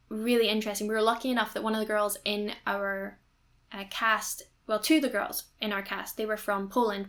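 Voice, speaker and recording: A woman's voice: medium pitch, fairly bright tone. A young woman, chatting enthusiastically over a game build video as a YouTuber. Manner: chatty and enthusiastic, rambling storytelling.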